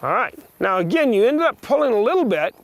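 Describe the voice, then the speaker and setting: A man teaching a riding lesson, giving brisk, projected commands in short directives along with plain, practical explanation. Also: high-pitched, very animated, creaky, low-quality recording. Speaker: horse riding instructor. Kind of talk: hands-on riding lesson, instructing a student.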